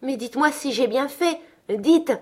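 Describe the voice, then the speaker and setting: A woman's voice: medium pitch, moderate pace, close to an everyday voice. A woman voicing a capricious, petulant young woman in an audiobook, pleading and insistent. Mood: urgent. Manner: urgent and insistent. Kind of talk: audiobook character reading.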